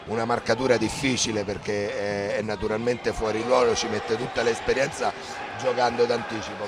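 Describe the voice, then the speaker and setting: A man co-commentating as a coach, giving tactical analysis in hesitant, measured phrases. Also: lowish voice, very noisy.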